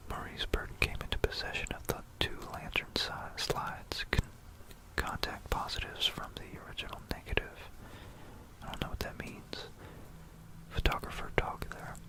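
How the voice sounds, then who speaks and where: Someone whispers a history narration in breathy ASMR style, close to a binaural mic. The delivery is hesitant and wandering, often repeating phrases, and the audio quality is poor.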